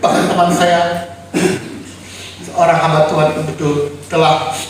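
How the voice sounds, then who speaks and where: A man's voice: on the high side, level tone, moderate pace. A man preaching an emotional sermon, grieving and crying out in anguish as he testifies to his listeners. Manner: grieving, cries out and shouts in anguish; addresses listeners as brothers and sisters. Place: apartment worship room. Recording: very echoey room, distant mic, faint noise.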